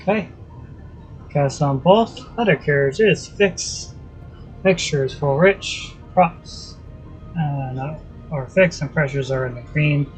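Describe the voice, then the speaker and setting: A man's voice: on the high side, slow, faint music behind, low-quality recording. Give me a man streaming a flight simulator, reading back tower calls and checklist items like a pilot through his headset mic. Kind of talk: casual game commentary with pilot radio calls.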